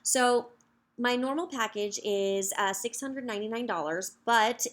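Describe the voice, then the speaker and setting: A woman's voice: on the high side, unhurried. Upbeat chatty woman in her thirties. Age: 30s. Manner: upbeat, chatty, many fillers. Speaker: social media coach. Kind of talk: direct-to-camera sales pitch.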